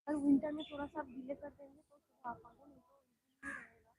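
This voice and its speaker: A woman, a participant in a yoga class, introducing herself in a soft voice. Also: high voice, big pitch swings, fairly quick. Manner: soft-spoken, has to be asked to speak up. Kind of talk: brief self-introduction.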